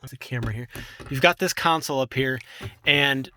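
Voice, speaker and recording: A man's voice: mid-range voice, brisk, slight background noise. A young man hosting a casual how-to video, explaining step by step from inside a car while working with his hands. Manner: relaxed, chatty, talks while working with hands.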